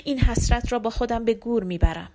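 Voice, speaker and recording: A woman's voice: a little high, dark tone, close to an everyday voice. A woman reading a sneering young intellectual. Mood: scornful. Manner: scornful, murmured asides. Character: young man, arrogant self-styled intellectual.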